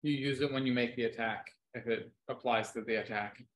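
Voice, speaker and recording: A man's voice: mid-range voice, steady tone, a little fast, slight background noise. A man casually describing his character's moves as a player in a tabletop game. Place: indoors at home, on a video call.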